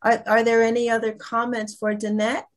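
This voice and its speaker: A woman's voice: fairly high pitch, monotone, moderate pace. A woman from Trinidad who grew up in Brooklyn, hosting an online gallery talk in a chatty way, often restarting her sentences. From Trinidad, raised in Brooklyn.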